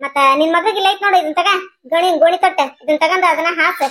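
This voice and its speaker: A woman voicing a sharp-tongued, stingy old mother-in-law in a cartoon, nagging and scolding in a North Karnataka Kannada accent. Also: extremely high pitch, steady tone, fast. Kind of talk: cartoon voice acting.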